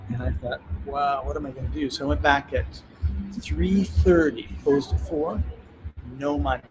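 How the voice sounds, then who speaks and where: A Canadian-accented podcast host, calling in from abroad, tells a travel anecdote in lively conversation and acts out the voices of the people he quotes. His voice is fairly high at a moderate pace, with poor audio and clear music playing behind him.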